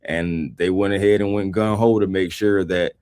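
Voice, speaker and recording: A man's voice: deep voice, fairly even intonation, moderate pace, a little mellow, smooth. A man co-hosting a live sports show, chatting casually and animatedly, greeting the chat and talking football. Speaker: sports podcast co-host.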